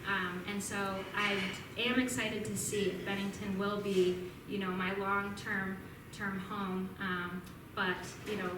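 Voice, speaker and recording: Captured from afar in a noisy, echoey room, a young Vermont woman addresses a club meeting as a guest speaker, chatting cheerfully, answering questions, and saying um often. She keeps a level tone at a medium pitch and a measured pace, pausing very little.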